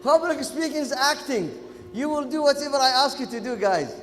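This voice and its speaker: A man from Kuwait with a Gulf Arabic accent, a native Arabic speaker, giving an animated, informal interactive lecture to students and often checking in with them. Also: extremely high pitch, fairly quick. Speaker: public speaking workshop lecturer. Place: echoey event hall. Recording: echoey hall, music in the background.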